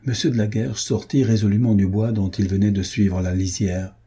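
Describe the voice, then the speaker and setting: Husky-voiced male audiobook narrator. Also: lowish voice, fairly even intonation, moderate pace, warm tone. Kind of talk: scripted narration of a historical novel.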